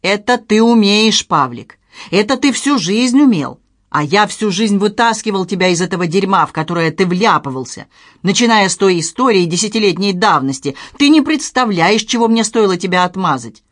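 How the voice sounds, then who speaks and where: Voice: medium pitch, expressive, normal speed, fairly bright tone, no room sound, natural voice. An audiobook narrator voicing a tired, stern middle-aged father, a mayor, who scolds with weary authority, in a dry recording. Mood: scolding. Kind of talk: dramatized audiobook reading.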